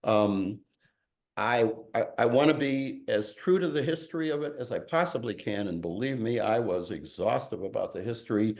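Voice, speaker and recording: Speaking at a normal pace in a lowish register, an older novelist from Chicago, USA, talks casually to an audience. He is candid and emphatic, and he pokes fun at himself.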